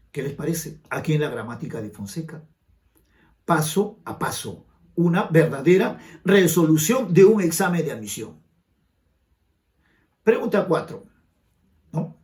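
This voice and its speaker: A Peruvian man with a Peruvian Spanish accent walks through exam questions as a grammar teacher. His pitch rides high, and his voice swings up and down with emphatic rhetorical questions to the viewer. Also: big pitch swings, unhurried, long pauses, a little mellow. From Peru. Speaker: language teacher. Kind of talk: exam-prep grammar lesson.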